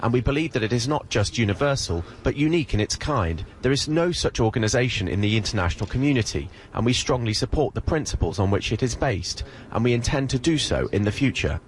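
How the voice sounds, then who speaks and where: A man interpreting a foreign leader's remarks as a translation voice-over, speaking in a formal, even way. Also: mid-range voice, fast talker, few pauses, slight background noise. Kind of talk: simultaneous interpretation.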